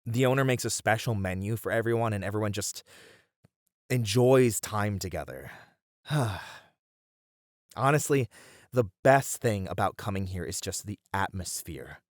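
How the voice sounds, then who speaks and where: A man with a lower voice plays a young bunny boy who hangs out at a manga cafe, friendly, welcoming and chatty, for a relaxed ASMR roleplay. He sounds animated yet fond and nostalgic, keeping an easygoing, slangy, hesitant manner at a measured pace broken by long pauses. The studio-quality audio has no echo.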